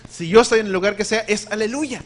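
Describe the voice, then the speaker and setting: A man's voice: high-pitched, fast talker. A man preaching a sermon, teaching emphatically, putting questions to his listeners and spelling out words letter by letter.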